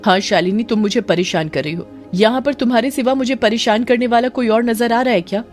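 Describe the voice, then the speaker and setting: A woman voicing a young husband who angrily shouts and scolds in a storybook tale. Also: medium pitch, normal speed, faint music behind, lightly acted. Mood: angry shouting. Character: angry young husband, bookish and harsh.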